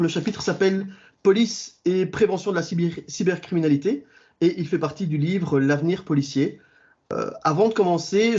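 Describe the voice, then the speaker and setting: A man's voice: high voice, a little mellow, highs cut off. A man interviewing a professor, asking polite, hesitant questions with many fillers.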